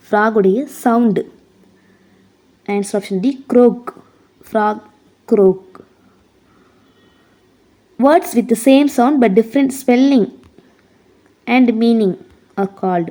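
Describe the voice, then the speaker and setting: Slow, mellow-voiced Tamil-accented woman tutor. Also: on the high side. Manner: reads English questions slowly, explains in quick Tamil. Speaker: English exam tutor. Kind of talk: exam prep lesson.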